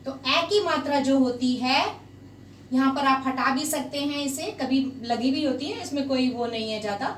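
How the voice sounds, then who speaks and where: High-pitched lady teaching hindi, slow and patient, faint hiss behind. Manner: patient, repeats sounds slowly and switches into English. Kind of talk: slow spoken language lesson. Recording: echoey room, voice a bit far from the mic, faint hiss.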